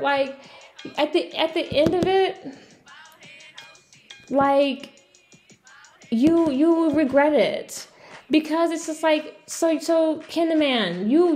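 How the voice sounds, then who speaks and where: Her fairly high, slightly mellow voice carries casual, blunt commentary on videos. Clearly exasperated, she swears freely as she shares her views.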